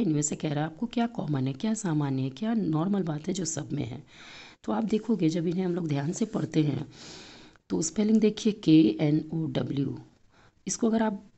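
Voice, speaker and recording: A woman with an Indian accent teaching young children an English textbook lesson, explaining step by step and repeating words slowly. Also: on the low side, creaky, warm tone, lo-fi sound.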